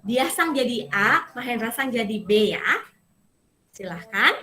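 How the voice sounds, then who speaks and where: A woman teaching a Japanese language class, coaching and correcting students in a lively way. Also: fairly high pitch, measured pace. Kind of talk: online class instruction.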